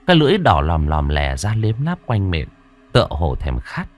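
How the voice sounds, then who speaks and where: A man's voice: low-pitched, huge pitch swings, moderate pace. A man narrating a first-person horror story for an audiobook, drawing out the eerie passages with dramatic delivery.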